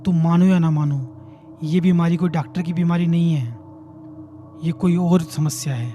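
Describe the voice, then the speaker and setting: Brief: man playing a stern old grandmother, commanding, high and sharp when scolding. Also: moderate pace, a little hiss or hum, lightly acted. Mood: firm.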